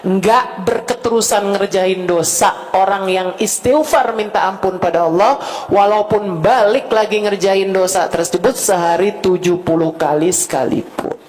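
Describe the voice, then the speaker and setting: A woman's voice: mid-range voice, measured pace, a little mellow. A middle-aged woman preacher giving a sermon to a women's gathering, casual and colloquial, mixing in Arabic quotations and rising into emotional, pleading prayers.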